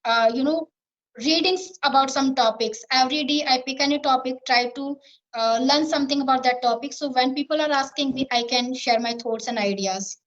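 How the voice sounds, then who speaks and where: A woman with an Indian English accent, an English learner, answers questions in a spoken English practice interview. Her high voice moves at normal speed, and her earnest replies repeat themselves and lean on fillers. The audio sounds dull.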